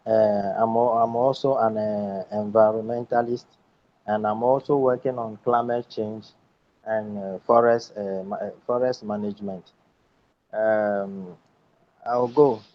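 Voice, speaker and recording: A man's voice: lowish voice, steady tone, measured pace. Man from Ghana presenting on a call. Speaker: environmentalist guest. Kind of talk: panel guest talk. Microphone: video call. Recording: dull lo-fi video call audio.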